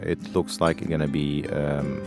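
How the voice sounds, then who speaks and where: A man, a doctor recounting his life in a measured way, pausing with fillers. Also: rumbling low, flat delivery, music in the background. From Syria. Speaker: physician. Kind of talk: interview testimony.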